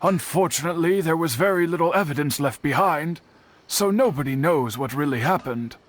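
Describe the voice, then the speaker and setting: A man's voice: fairly high pitch, slight background noise, close to an everyday voice. A man voicing an earnest young man in a video game, worried about a missing friend. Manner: earnest, measured. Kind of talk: game voice acting.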